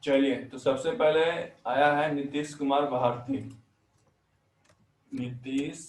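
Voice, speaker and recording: Teacher with an echoey, distant sound. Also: male voice, a little high, fairly even intonation, measured pace. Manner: repeats "ठीक है", asks students questions. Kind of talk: online class lesson. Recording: echoey room, far from mic.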